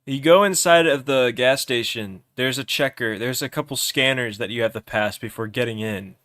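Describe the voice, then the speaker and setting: Young dude streamer goofing around narrating a game, smooth voice, dry close sound. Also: male voice, medium pitch, normal speed, dry recording. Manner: loud, goofy, teasing, often restarts words. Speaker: livestream host running an AI role-play. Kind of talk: casual improvised game narration.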